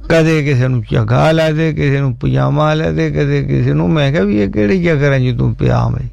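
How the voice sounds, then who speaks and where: An older man with a gravelly, creaky voice hosts a casual radio chat, telling stories in a folksy, teasing way. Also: on the high side, normal speed, a little mellow, dry recording, lo-fi sound. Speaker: radio show host.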